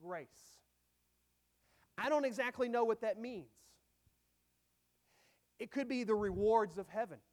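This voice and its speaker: A male pastor with a notably high voice delivers an earnest sermon. He leans hard into some phrases and lets others sink quietly at their ends. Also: measured pace, long pauses. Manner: earnest, swinging between emphatic lines and soft, dropped phrase endings.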